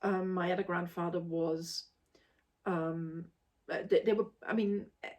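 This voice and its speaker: A woman's voice: on the low side, fairly even intonation, measured pace, a little mellow. A woman in her forties from Austria, giving a casual spoken book review in an emphatic, articulate, forthright way.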